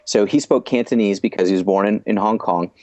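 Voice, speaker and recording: This podcast interview guest, a man with a very low and darkish voice, recounts his business experience in a measured, explanatory manner. He often begins a phrase again before completing his thought. The recording is close and dry, with no room sound.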